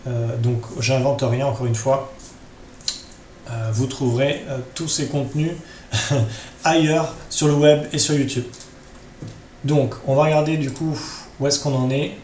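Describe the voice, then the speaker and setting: Hosting a casual screen tutorial, this man speaks at a medium pitch with a darkish tone and fairly even intonation, keeping a measured pace broken by frequent pauses. He improvises and thinks aloud, often tossing in tag questions. The room gives a roomy echo, with faint noise in the background.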